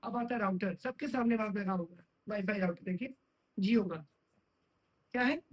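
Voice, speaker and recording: Husky-voiced man teaching a class. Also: high voice, moderate pace, poor audio. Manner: asks the class frequent check questions. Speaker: computer science teacher. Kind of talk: classroom lecture.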